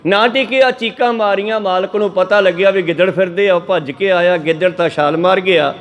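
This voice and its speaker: A man's voice: high-pitched, fairly even intonation, fairly quick, fairly bright tone. A man preaching with a Punjabi accent, explaining scripture through folksy stories and acting out the animals in them. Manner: folksy storytelling, acts out quoted animals in shifting voices. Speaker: Sikh preacher giving katha. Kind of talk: storytelling sermon exposition.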